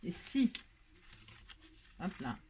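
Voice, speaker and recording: A woman's voice: extremely slow, a little mellow. Woman doing a chatty craft tutorial, keeps asking if you follow, laughs at herself, faint hiss behind. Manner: chatty, self-mocking, asks "hein?" and "d'accord?" often. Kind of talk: casual step-by-step crafting tutorial.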